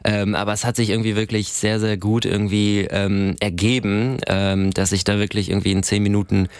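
A man's voice: fairly low pitch, flat delivery, fairly quick, clear, resonant tone, no echo. A young man from Germany, a conductor, chatting casually as an interview guest and hesitating with many fillers. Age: young adult.

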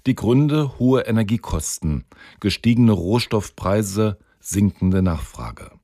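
A man reading a scripted radio news report in an even reading style. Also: lowish voice, slow pace, dry recording, studio quality.

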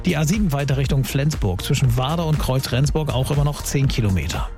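A radio host with a mid-range voice presents weather and traffic in a chatty, informal style. He sounds animated and talks quickly over a music bed.

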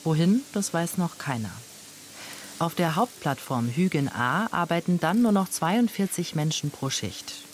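A documentary narrator reading a scripted voice-over in a measured, matter-of-fact way. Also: medium pitch, lively intonation, slight background noise.

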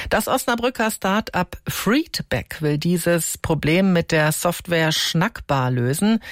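A woman reporter narrates a TV news feature. Her reading is clear and measured, with a lowish pitch. The voice-over is recorded dry, with no room sound. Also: dry recording.

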